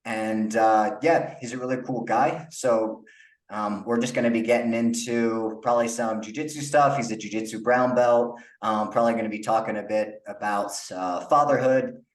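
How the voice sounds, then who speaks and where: A young adult man hosting a casual interview podcast, relaxed and full of fillers. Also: lowish voice, normal speed, distant mic. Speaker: podcast host. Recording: echoey room, off-mic.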